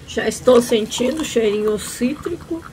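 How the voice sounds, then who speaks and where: A woman's voice: on the high side, normal speed, a little mellow. A middle-aged woman with a Brazilian accent presenting a product tasting to camera in a chirpy manner, mixing in Japanese phrases. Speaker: video channel host. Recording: noisy outdoor ambience.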